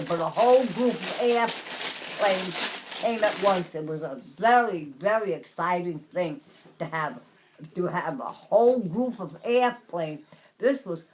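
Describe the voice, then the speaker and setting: An elderly woman in her nineties from Brooklyn, reminiscing in a casual interview, haltingly, searching for words and repeating phrases. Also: on the low side, background noise. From Brooklyn, New York. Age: 90s. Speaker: interviewee recalling the past.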